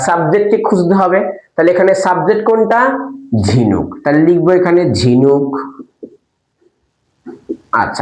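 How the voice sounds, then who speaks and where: Man teaching kids english in an echoey room, asks then answers himself. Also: sits high. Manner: asks questions and answers them himself, spells words out. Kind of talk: classroom English lesson for children.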